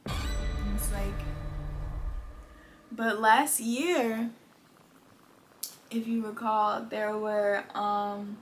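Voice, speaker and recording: A woman talking casually in an animated, slangy, emphatic way, like a host chatting with a friend. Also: mid-range voice, extremely slow, pauses often. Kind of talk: casual chat. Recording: music playing behind. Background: music.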